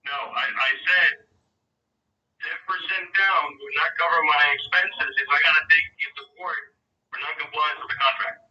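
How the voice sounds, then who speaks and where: Guy on speakerphone, sharp tense voice, sounds far off and muffled, blunt and businesslike. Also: fairly high pitch, fairly even intonation, moderate pace. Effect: heard through a phone speaker. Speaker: property seller on a phone call. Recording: muffled, distant phone line.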